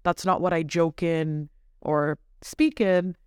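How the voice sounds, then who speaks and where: A woman's voice: lowish voice, steady tone, slow pace, clean tone, no echo, studio quality. A woman born in India whose first language is Marathi, co-hosting a podcast in reflective, rambling chat. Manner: reflective, rambling, questions to the listener. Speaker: podcast co-host. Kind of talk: casual chat.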